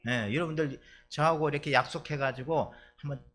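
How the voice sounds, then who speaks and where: A man's voice: a little high, very animated, moderate pace, bright, forceful tone. A male pastor from Chungcheong preaching a sermon in a church, chatty and playful with the congregation. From Chungcheong, Korea. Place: church sanctuary.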